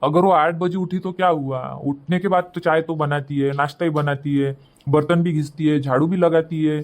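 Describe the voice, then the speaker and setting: A man's voice: fairly high pitch, steady tone, moderate pace, natural voice. A man voicing a harried young husband in a cartoon, pleading and placating between his wife and mother. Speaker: son and husband.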